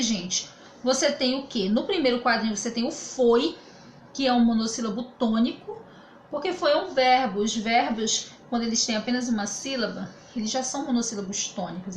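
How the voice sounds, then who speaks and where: Brazilian woman teacher, patient and echoey. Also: a little high. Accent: Brazilian Portuguese. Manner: patient, explanatory, repeats "tá?" to check understanding. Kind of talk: remote grammar lesson. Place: home room during quarantine. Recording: echoey room with faint ambient noise.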